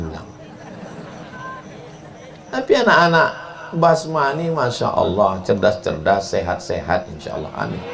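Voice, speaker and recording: A man's voice: fairly high pitch, gravelly, fairly bright tone, slight background noise. A middle-aged male preacher, giving a humorous sermon to a crowd and drawing out his Arabic recitation. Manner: playful, jokes and chuckles, drawn-out Arabic recitation. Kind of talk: humorous sermon to a live audience.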